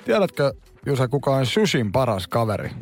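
A man's voice: mid-range voice, very animated, faint music behind. A man co-hosting a radio show, reading out jokes and news in casual banter with a dry delivery. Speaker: radio co-host.

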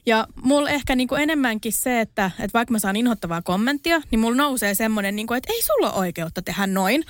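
A woman's voice: fairly high pitch, lively intonation, no echo. A young woman guest in a casual studio chat, talking frankly and getting heated as she tells her stories. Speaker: podcast guest.

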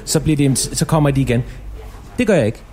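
A man from Aarhus, a podcast guest in a noisy café, answering in evasive, deadpan comic banter with lots of hesitation. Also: mid-range voice. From Aarhus, Denmark. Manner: evasive, defensive, hesitant with many fillers.

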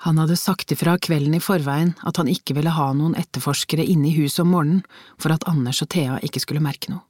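A reader narrating a crime novel as an audiobook, in measured storytelling with tense inner questions. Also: mid-range voice, fairly even intonation, a little mellow, no echo, studio quality.

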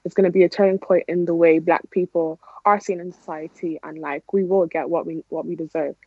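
A young Irish woman from Ireland, an athlete, answers interview questions informally and conversationally, peppering them with "like." Her voice is on the low side with fairly even intonation and a fairly quick pace. The recording is dry, dull and lo-fi.

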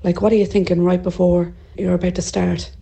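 A woman's voice: lowish voice, level tone, fairly quick, gravelly, mellow. A woman asking a question in a WhatsApp voice message played on air. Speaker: listener sending a question.

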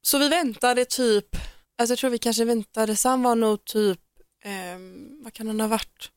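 A young woman co-hosting a podcast, telling a personal story in animated, quick casual chat and acting out what people said. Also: fairly high pitch, clean tone, no room sound, studio quality. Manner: animated, fast storytelling with acted-out quotes and laughter. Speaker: podcast co-host.

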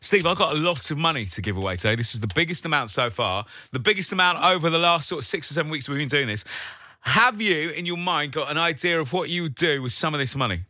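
A man hosting a radio phone-in competition in an upbeat presenting style, drawing out pauses for suspense, close on a studio mic. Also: on the high side, expressive, sharp tone, dry recording. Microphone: close, dry studio microphone.

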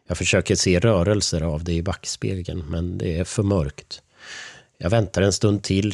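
Deep-voiced man narrating hushed horror. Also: dry recording, studio quality. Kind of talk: scripted first-person horror narration.

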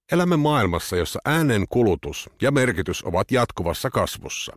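A man narrating a scripted essay for his podcast in a measured, reflective way. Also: fairly low pitch, no room sound, studio quality.

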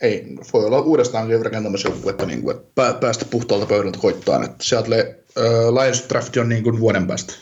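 A man's voice: fairly low pitch, animated, few pauses, darkish tone, slight background noise. A man co-hosting a casual podcast chat, rambling and thinking aloud with lots of fillers. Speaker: podcast co-host. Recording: dull lo-fi sound.

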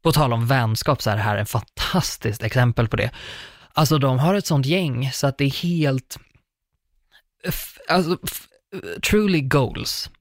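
A young man chats casually and tells a personal story at length. He rambles, circles back and leans on fillers, in a middle-pitched voice. The sound is dry and close, with no room echo. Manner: rambling, filler-heavy, warmly anecdotal.

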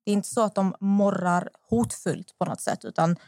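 A young woman hosting a podcast, telling a personal story in a lively, animated way. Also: medium pitch, dry recording, studio quality. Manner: animated anecdote-telling, acts out what others said. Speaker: podcast host. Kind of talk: casual storytelling.

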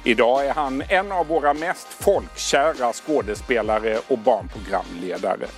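A man hosting an interview, reading a calm introduction and asking short questions. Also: mid-range voice, creaky, soft background music. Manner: calm, scripted introduction then brief prompts. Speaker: podcast host.

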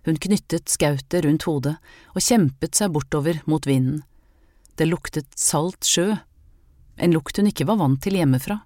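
Woman reading a novel aloud, low mellow voice, dry close sound. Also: no room sound. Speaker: audiobook reader. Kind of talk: scripted narration.

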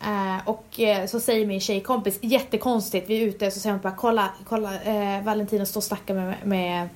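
A woman co-hosting a podcast in casual chat, telling a story and acting out the quotes with lively energy. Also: mid-range voice. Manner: animated storytelling, acts out quotes. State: pregnant. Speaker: podcast co-host.

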